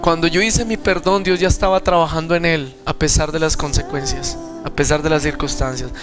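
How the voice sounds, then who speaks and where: At a seminar hall, over music, a young man with a Colombian Spanish accent preaches his personal testimony, a bit fast and with fairly even intonation in a highish voice. He tells it earnestly and plays out the conversations in other voices.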